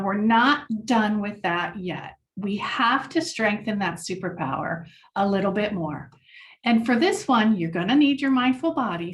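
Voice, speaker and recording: A woman leading a children's mindfulness lesson, speaking gently and encouragingly to the class. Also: mid-range voice, recorded from a distance.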